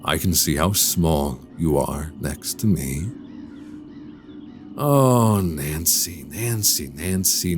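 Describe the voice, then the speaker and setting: In an immersive radio drama, an actor plays a sinister, condescending man who is secretly a werewolf. His voice is extremely low and heavily acted, and he speaks softly and slowly with quiet menace.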